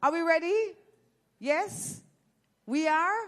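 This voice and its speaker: A woman's voice: very high-pitched, takes it slowly, fairly bright tone. A Jamaican woman hosting an event, teasing and chatting with the audience into a handheld mic. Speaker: event host. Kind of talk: lively emcee banter with audience. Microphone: handheld microphone.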